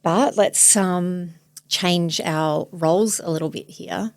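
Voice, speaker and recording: A woman in her forties, a therapist hosting a podcast, speaking thoughtfully and searchingly in a soft, reflective way. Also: on the low side, steady tone, slow pace, vocal fry, no echo. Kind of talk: reflective therapy demonstration chat.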